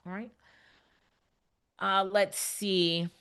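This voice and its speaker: A woman hosting a live webinar, answering questions in a chatty, animated way. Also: medium pitch, drawn-out words, clear, resonant tone. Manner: chatty, animated, filler-heavy. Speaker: webinar host. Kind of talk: casual live Q&A.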